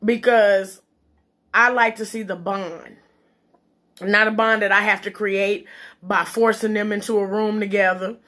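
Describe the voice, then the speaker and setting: Eating as she talks, sometimes with her mouth full, a woman delivers a blunt, emphatic, opinionated monologue about relationships and parenting, cursing freely. She's an adult parent and vlogger speaking casually. Her voice is medium-pitched and fairly bright, with fairly even intonation and a measured pace.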